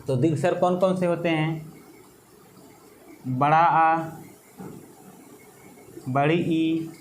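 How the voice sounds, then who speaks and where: A man teaching an exam-prep lesson, slow and repetitive, drawing out vowel sounds. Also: a little high, steady tone, a little mellow, a little hiss or hum.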